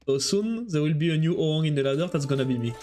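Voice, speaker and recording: With a French accent, a man casts a strategy game on a live stream, chatting with viewers and answering chat between plays. His voice is on the high side, animated and warm, with a quick pace and slight background noise.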